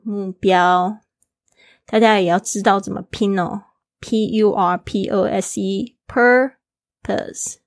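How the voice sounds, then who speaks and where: A woman's voice: mid-range voice, no echo, clean studio sound. A woman hosting a bilingual English lesson, patiently explaining and spelling out vocabulary, her throat a little sore. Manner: explains words patiently, repeats and spells them out. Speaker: English teacher and podcast host.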